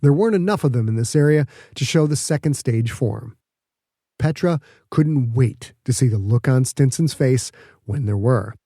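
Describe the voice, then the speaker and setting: Narrating fiction for an audiobook, a man uses a relaxed, mellow voice of middle pitch at normal speed. The sound is dry, with no room sound.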